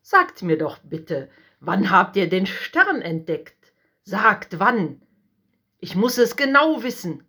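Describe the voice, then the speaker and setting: A woman voicing a frightened, scheming old king who commands and flatters with sly insistence. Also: deep voice, takes it slowly, slightly rough, full character voice.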